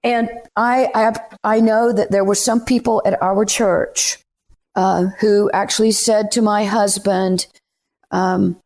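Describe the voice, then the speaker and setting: A middle-aged woman with a Southern US accent, a guest author telling her story in an interview with emphatic, animated delivery. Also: mid-range voice, slow pace. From Anderson, South Carolina.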